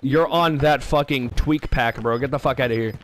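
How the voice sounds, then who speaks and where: A man's voice: medium pitch, moderate pace, slight background noise. A young man doing profane, exasperated gameplay commentary and confrontational trash talk. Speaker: gamer. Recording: loud music and game sound behind voice. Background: music, gunfire.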